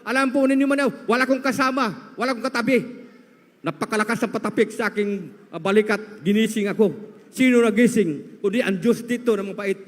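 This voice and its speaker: A man with a strikingly high voice tells his testimony to a congregation. He speaks as a storyteller and keeps calling his listeners beloved. His voice rings out with a long reverb from a large hall. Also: a little fast. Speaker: church member giving testimony.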